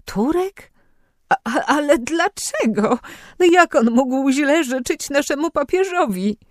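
A woman's voice: sits high, lively intonation, slow pace, no echo, studio quality, pitched above the performer's own voice. A woman voicing an elderly grandmother who is anxious and bewildered, in an audiobook. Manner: anxious, questioning.

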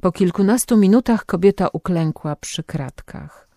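A man narrating an audiobook in a measured, even storytelling manner. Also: high voice, no echo, studio quality.

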